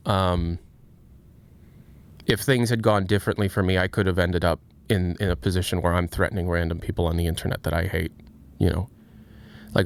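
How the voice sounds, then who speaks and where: Streamer, male, late twenties: lowish, smooth, candid, halting. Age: 20s. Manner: candid, reflective, halting with many restarts. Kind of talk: casual livestream chat, answering chat.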